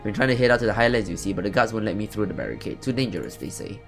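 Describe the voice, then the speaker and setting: A man's voice: fairly low pitch, big pitch swings, racing, vocal fry. An earnest young village boy, read aloud by a man, eager and hopeful in tone. The delivery stays close to an everyday speaking voice. Faint music plays underneath.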